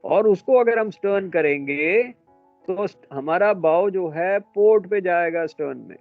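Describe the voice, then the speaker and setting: A man teaching a class on ships, quizzing and correcting his students in a brisk, scolding way. His voice sits a little high and sounds dry and close. The sound is dull and muffled, with faint music underneath. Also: dry recording. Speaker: instructor. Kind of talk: classroom lecture.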